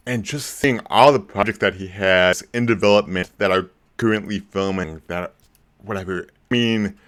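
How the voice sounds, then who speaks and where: This is a rambling, casual movie live stream hosted by a man in his forties who keeps saying um and starting over. He speaks a bit lower than his usual pitch, and the sound is a bit bright.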